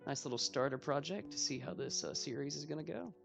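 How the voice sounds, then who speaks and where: Gravelly-voiced young man rambling over gameplay. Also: a little high, fast, over music. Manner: rambling, self-mocking asides. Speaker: let's play host. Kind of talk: casual gameplay commentary.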